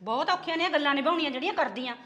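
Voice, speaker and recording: A woman playing a sharp-tongued, nagging middle-aged mother-in-law from Punjab in a village drama. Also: high-pitched, lively intonation, rapid-fire. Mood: scornful. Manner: scolding, taunting. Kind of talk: amateur village drama acting.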